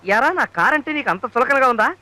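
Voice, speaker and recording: A bragging small-town lawyer who bluffs and scolds his way through every scene. The voice rides high and rattles along quickly. Every line is a comic film boast. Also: animated, sharp tone, dry recording, exaggerated voice. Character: boastful, fast-talking small-time male lawyer. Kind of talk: film comedy dialogue.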